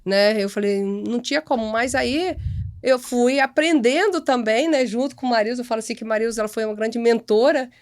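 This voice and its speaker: A woman speaking in a casual podcast chat, earnest and a little halting. Her voice sits on the high side, and she keeps checking that the listener follows her. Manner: earnest, repeats and restarts often, adds "né?" and "entendeu?". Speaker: company director, podcast guest.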